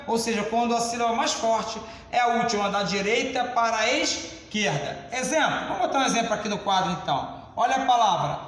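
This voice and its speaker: A Brazilian man teaching a grammar lesson at the board, explaining slowly and addressing the class as "senhores.". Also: very high-pitched, a bit bright. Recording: echoey classroom, reverb.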